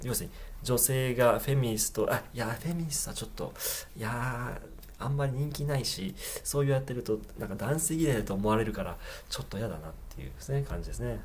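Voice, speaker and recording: A Japanese university English teacher giving a pronunciation lesson, slowly repeating English phrases and explaining them in a casual way. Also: medium pitch, a little mellow, a little hiss or hum.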